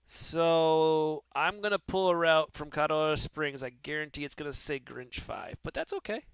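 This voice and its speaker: Male controller-streamer, bright forceful tone, dry close sound, wry and informal between procedural calls. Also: fairly high pitch, moderate pace, vocal fry, clear, resonant tone, dry recording. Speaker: streamer playing air traffic controller. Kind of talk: air traffic control calls mixed with casual banter.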